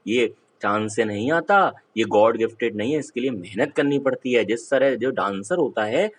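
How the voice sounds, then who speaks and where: A man teaching a school poetry lesson, reading English verse slowly and then explaining it in a relaxed explanatory way. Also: mid-range voice, low-quality recording.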